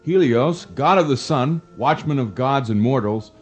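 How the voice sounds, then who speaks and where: Man doing a stern mighty god-king, commanding, husky, soft music behind. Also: mid-range voice, expressive, measured pace, pitched below the performer's own voice. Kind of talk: storybook radio drama.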